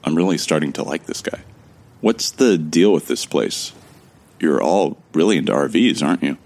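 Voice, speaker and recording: Narrating an audio drama in first person, an amnesiac man speaks in an extremely deep, crackling, gravelly voice. His delivery is friendly, wry and conversational, with an observant eye, lively intonation, normal speed, a darkish tone and an exaggerated style.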